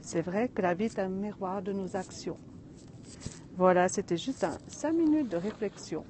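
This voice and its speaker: A woman hosting a live vlog outdoors in a mountain village. She greets viewers and reads a short tale in a chatty, unhurried way. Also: medium pitch, dark tone, a little hiss or hum. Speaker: vlogger and storyteller. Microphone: phone or camera.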